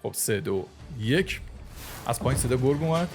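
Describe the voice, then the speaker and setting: A man, chatting excitably to his viewers as he plays and comments on a video game. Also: mid-range voice. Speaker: gaming YouTuber. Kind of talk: let's play commentary. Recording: game music playing behind.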